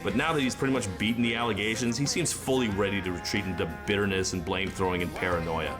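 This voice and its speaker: A man's voice: lowish voice, fairly even intonation, fast. A man giving a scripted music review in a dry, sarcastic way, with music playing underneath. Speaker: music critic.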